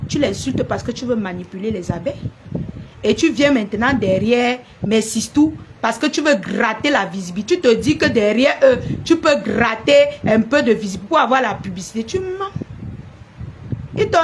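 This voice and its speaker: A woman blogger ranting at her viewers on a live stream, confrontational and repetitive, scolding a rival. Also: a little high. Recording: noisy background.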